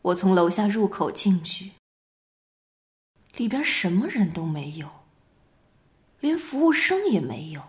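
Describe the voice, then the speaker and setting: A woman voices a troubled, half-French wife describing a recurring dream in an amateur radio play, speaking with deliberate phrasing and pauses. Her medium-pitched delivery swings widely in pitch and sounds weary and lost.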